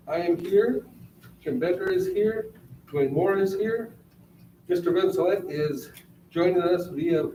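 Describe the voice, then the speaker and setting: Guy running a board meeting, bit high voice, halting, far from the mic in an echoey room. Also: a little mellow. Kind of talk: procedural meeting talk. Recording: echoey room, distant mic, faint noise.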